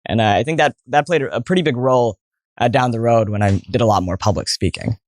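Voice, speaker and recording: A man in his twenties talks fast in a medium-pitched voice, with an American accent. Born in Saudi Arabia and partly raised in New Jersey, he's a guest in a casual interview, telling stories while leaning on lots of fillers and restarts.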